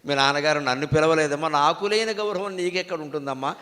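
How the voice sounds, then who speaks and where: A sorrowful, resigned queen mother, as a male storyteller puts her on, speaking sadly to her son. The bright voice carries in a long-reverb hall. It comes from a spoken devotional tale. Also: a little high, fairly even intonation, quick pace, lightly acted. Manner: sad, resigned.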